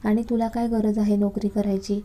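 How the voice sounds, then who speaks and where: A woman's voice: mid-range voice, little pitch movement, normal speed, dark tone, close to an everyday voice. A woman voicing an angry, domineering young husband in a read-aloud story, with harsh, threatening commands.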